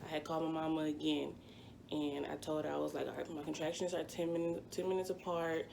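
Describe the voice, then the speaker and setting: She's a vlogger in her twenties, rambling chattily through a personal story full of fillers. The voice is low-pitched and gravelly with a flat delivery and a slightly fast pace, and the background is noisy.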